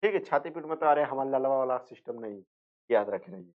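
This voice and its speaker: Male teacher, mid-pitched, drilling exam answers by asking and answering his own questions; thin, phone-like recording. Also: animated, brisk. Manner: slips into rural dialect for jokes. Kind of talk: exam revision lecture. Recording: tinny phone-like sound.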